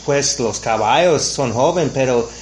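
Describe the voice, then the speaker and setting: Canadian man interviewing in halting, second-language phrasing. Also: medium pitch, a little hiss or hum. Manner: frequent "ujú" backchannels, halting non-native phrasing. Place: outdoors at a ranch.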